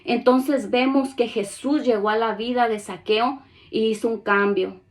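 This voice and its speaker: A woman's voice: a little high, steady tone, a little slow. A woman preaching a sermon with earnest conviction, reading scripture aloud and acting out pleas to God.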